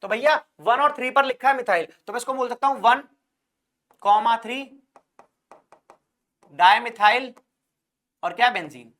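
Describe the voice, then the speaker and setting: A male chemistry teacher leads an exam-prep lecture in a very high, fairly bright voice, a little slow with long pauses. He poses questions and answers them himself, calls students brother and child, and uses jokey wordplay as memory tricks.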